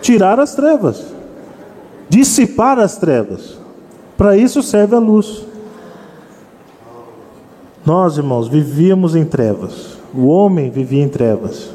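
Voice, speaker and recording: A man's voice: on the high side, warm tone. A man preaching an earnest sermon, constantly turning to address his congregation as brothers. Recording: long hall reverb.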